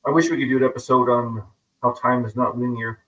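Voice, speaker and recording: A man talking casually on a podcast, telling stories with animated asides and quick put-on voices. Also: mid-range voice, poor audio. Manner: animated storyteller, slips into voices of others.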